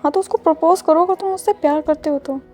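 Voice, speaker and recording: A blunt, offhand young man who brushes off his friend's worries, played by a woman storyteller. The tone is high and mellow, over faint music. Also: fast talker.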